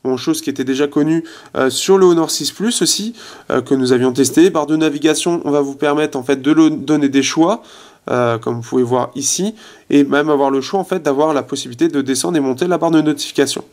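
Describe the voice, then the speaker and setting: A fairly high, darkish-toned male voice moves fairly quickly through a casual phone review. Speaking from a resonant room in his apartment, the tech reviewer chats freely, uses plenty of fillers, and trails off as he tests features.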